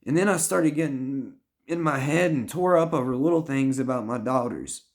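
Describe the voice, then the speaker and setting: Here a mid-range male voice talks at normal speed straight into the camera. He's in his thirties, a vlogger handing out life advice in a sincere personal monologue that rambles, with frequent swearing and restarted sentences.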